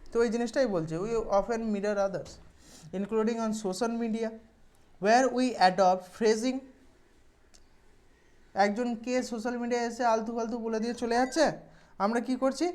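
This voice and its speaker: A woman's voice: on the high side, steady tone, unhurried, long pauses, darkish tone. A woman, explaining English exam questions in a casual lesson and checking in often with her students. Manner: conversational, checks in with "okay?" often.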